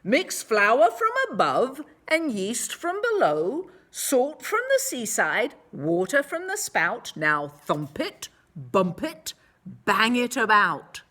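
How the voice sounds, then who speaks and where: A woman voicing an excitable village baker in a storybook, rallying people with emphatic, rhythmic orders. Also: on the high side, slow, heavily acted. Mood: commanding, rhythmic. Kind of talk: storybook read aloud.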